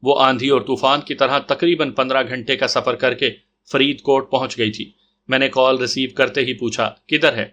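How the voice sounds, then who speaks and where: A man with a mid-range voice narrates a detective audio story in the first person, delivering steady, scripted storytelling.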